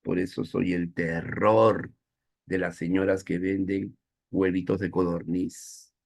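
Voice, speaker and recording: A man's voice: deep voice, flat delivery, slow pace, creaky. A man, a teacher giving a playful, self-mocking classroom lecture and checking in with his students.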